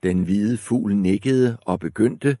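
A man reads a fairy tale aloud in a calm, measured way with a lowish voice. The recording is dry and close, with no room sound. His telling is steady and even. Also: no echo. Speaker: narrator.

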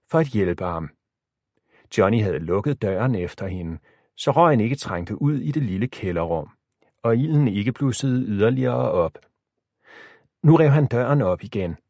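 A male audiobook narrator with a middle pitch and a lively, animated delivery. His storytelling is expressive, recorded dry and close. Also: dry recording.

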